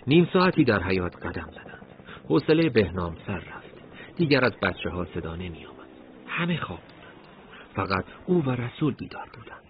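Low guy reading a war story dramatically, muffled lo-fi audio. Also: very animated. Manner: dramatic storytelling with acted dialogue. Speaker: narrator. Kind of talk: scripted story narration. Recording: dull lo-fi recording, faint noise.

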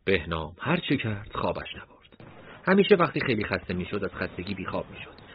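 Male narrator, lowish voice, dramatic storytelling, dull lo-fi recording with faint hiss. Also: sing-song. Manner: dramatic storytelling with acted dialogue.

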